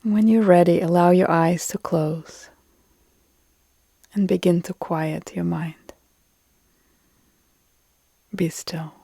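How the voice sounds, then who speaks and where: In a dry recording, a woman guides a yoga nidra relaxation with a mellow voice that leans low. Her calm, soothing delivery is very even with almost no melody, and she leaves long pauses while her soft phrase endings go breathy.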